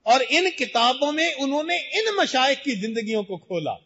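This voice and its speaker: An older man giving a measured, deliberate sermon as a Sufi sheikh, slowing for emphatic phrases. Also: extremely high pitch, big pitch swings, pushed and bright, breathy edge. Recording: muffled recording in a reverberant hall.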